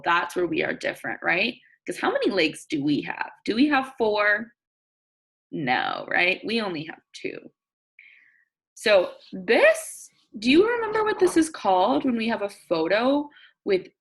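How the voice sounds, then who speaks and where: Taking on a young children's teacher role, a woman reads nonfiction aloud with expression and deliberation. Her medium-pitched voice is husky, and she frequently asks listeners questions and thinks out loud in simple terms.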